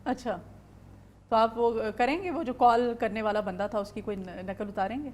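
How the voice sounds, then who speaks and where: Female morning-show host, bright questions, higher pitch. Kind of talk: TV talk show interview.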